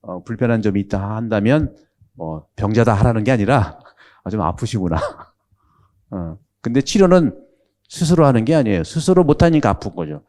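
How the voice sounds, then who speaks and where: Mellow-voiced male priest giving a chatty lecture. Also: lowish voice, expressive, fairly quick. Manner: chatty and humorous, asks the audience questions; drops into regional speech when quoting. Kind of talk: conversational catechism lecture.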